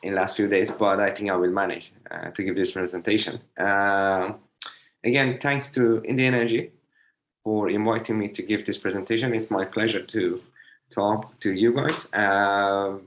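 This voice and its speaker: A man with a slightly hoarse voice giving an academic presentation over a video call, hesitant with many fillers. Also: lowish voice, steady tone, moderate pace, lo-fi sound. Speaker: associate professor giving a webinar talk.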